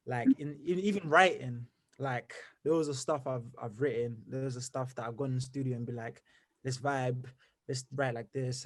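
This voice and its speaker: A young man from Zimbabwe, a musician who is a guest in an interview. He talks energetically and rambles, stringing thoughts together with plenty of fillers. His voice sits at an ordinary middle pitch. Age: young adult. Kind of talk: casual interview answers.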